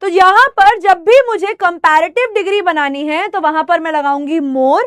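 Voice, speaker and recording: A woman English teacher running a live online class, explaining patiently, calling her students "beta", and slowing down to stress example words. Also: very high-pitched, fairly bright tone, no room sound, clean studio sound.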